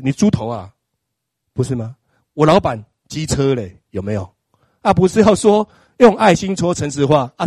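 Middle-aged guy preaching, fairly high voice, kinda husky, acts stuff out. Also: no echo, studio quality. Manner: animated, acts out scenes with exaggerated crying. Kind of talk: sermon.

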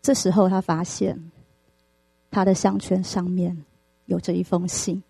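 Woman preacher, lively storyteller, mellow voice, dry close mic. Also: lowish voice, measured pace, creaky, slightly rough, dry recording. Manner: animated storytelling with frequent fillers. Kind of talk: sermon with storytelling.

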